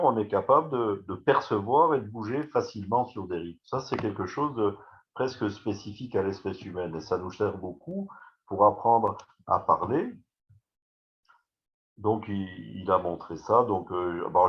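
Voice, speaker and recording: Lecturer, male, lowish voice, relaxed chatty delivery with restarts, dull webinar sound. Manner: conversational, many fillers and restarts, addresses listeners directly. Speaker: neurologist giving a webinar talk. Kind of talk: informal lecture.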